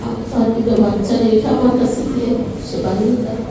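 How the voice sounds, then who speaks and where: A woman's voice: on the high side, steady tone, a little fast. A middle-aged Bangladeshi woman giving personal testimony as a bereaved mother. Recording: echoey hall, far mic, noisy.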